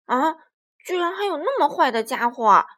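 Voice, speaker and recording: A woman voicing a male tyrannosaur in a storybook tale, a former bully who stammers and blurts out his lines loudly when flustered. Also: high voice, very animated, a little slow. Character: gruff male tyrannosaur, bully turned bashful.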